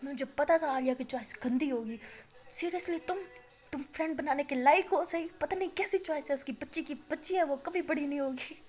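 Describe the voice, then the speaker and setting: A woman's voice: sits high, moderate pace, a little mellow, natural voice. A woman voicing a teasing, touchy uncle. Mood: offended. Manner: teasing, then offended. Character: grown man, a friend's teasing uncle. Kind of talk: storytelling with voiced characters.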